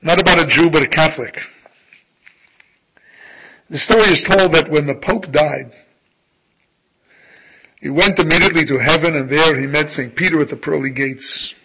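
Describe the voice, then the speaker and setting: A male rabbi giving a sermon in a slow, emphatic way, often letting his phrase endings fall soft. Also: on the high side, slightly rough, poor audio.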